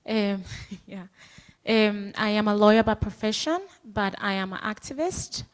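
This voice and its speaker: A woman's voice: mid-range voice, measured pace. A woman from Denmark with a mid-range voice introduces herself on an online panel. She speaks informally, with little fillers between thoughts. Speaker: panel participant, lawyer and activist.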